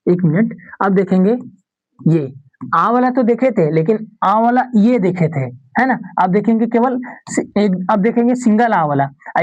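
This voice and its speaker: A woman's voice: medium pitch, a little mellow. Woman, grammar teacher, exam-prep classroom lesson, repeats example words, asks and answers her own questions, dull lo-fi recording.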